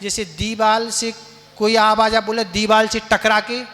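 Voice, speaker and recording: A man's voice: high voice, completely flat delivery, pushed and bright. A man teaching Sanskrit pronunciation and chanting verses line by line, patiently asking questions and answering them himself. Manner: patient, asks and answers his own questions; slow drawn-out chanting with repeats. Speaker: Jain monk teaching scripture recitation. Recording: long hall reverb.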